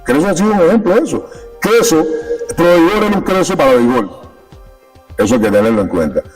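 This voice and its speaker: A man's voice: on the high side, expressive, fast talker, far from the mic, soft background music, poor audio. Cuban-born man, emphatic, from the mic. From Cuba. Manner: emphatic, repeats key phrases. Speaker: sports official guest. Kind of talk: conversational interview.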